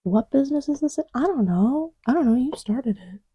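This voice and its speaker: Her voice sits high, mellow and husky, animated and at a normal pace, captured in lo-fi sound without any room tone. As an audio roleplay creator cast as the listener's partner, she chats playfully and intimately while testing markers, rambling, teasing, and often slipping into a near-whisper as though the partner were beside her.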